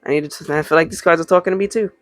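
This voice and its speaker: A woman's voice: low-pitched, steady tone, very fast, dry recording. Chatty woman giving a tarot reading. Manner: chatty and encouraging, with emphatic asides. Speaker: tarot reader. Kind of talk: casual motivational tarot reading to camera.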